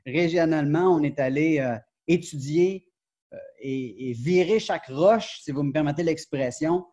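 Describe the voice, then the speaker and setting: Man in his forties, Quebec French accent, webcam video call, mellow husky voice, lively, gestures as he talks. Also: a little high, moderate pace. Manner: animated, gestures a lot, many fillers and restarts. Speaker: professor and book author, guest. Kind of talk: academic interview over video call. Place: glass-walled sunroom indoors.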